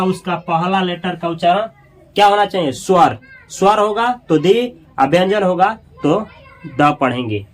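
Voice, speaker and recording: Slow, high-voiced male grammar teacher. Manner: slow, repetitive, drills sounds aloud. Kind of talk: classroom-style grammar lesson.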